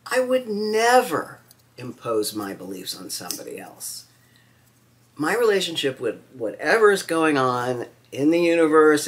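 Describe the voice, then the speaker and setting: A man's voice: on the high side, a bit bright, a little hiss or hum. Wry, chatty man reviewing knives at home. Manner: wry, campy, chatty asides. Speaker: knife reviewer. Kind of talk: casual vlog review.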